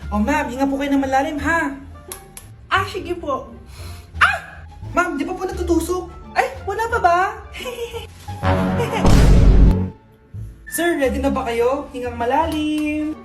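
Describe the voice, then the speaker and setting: Woman, young, comedy skits, switches characters, yells and laughs, very high voice, faint background music. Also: takes it slowly, pauses often. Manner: switches between characters, often yelling and laughing. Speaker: comedy skit creator. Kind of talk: comedic skit, playing every part.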